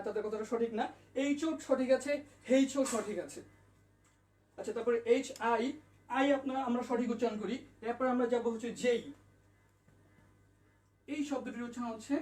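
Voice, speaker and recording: Patiently repeating and spelling out each letter sound, a man tutors English online in a very high-pitched, darkish voice. He's recorded from a distance in an echoey room.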